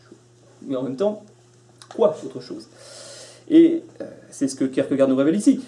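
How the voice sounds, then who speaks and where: Chatty philosophy lecturer, mellow voice. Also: male voice, mid-range voice, expressive, normal speed. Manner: conversational, with restarts and acted-out quotes. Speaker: philosophy teacher. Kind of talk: live lecture to a class.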